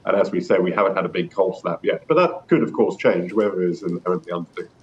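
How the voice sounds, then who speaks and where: A man speaking as an interviewed energy expert, explaining in a measured way with some hesitant repeats. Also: a little mellow. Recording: muffled remote line with rumbling noise.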